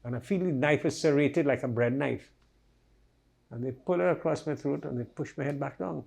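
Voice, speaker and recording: A man's voice: medium pitch, normal speed, vocal fry, darkish tone, breathy edge. A man giving a vivid personal account in an interview, acting out the voices he quotes.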